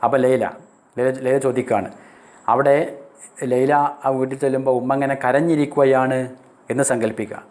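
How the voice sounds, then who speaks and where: Male teacher, Kerala Malayalam accent, patient step-by-step explaining, slow Arabic phrases then translations. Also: mid-range voice, steady tone, a little mellow. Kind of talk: recorded classroom lesson.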